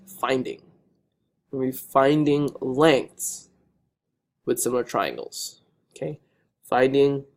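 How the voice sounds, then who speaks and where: A man's voice: mid-range voice, a little mellow. A male teacher who is losing his voice, patiently talking students through digital math notes on a screen recording and checking in with frequent okays.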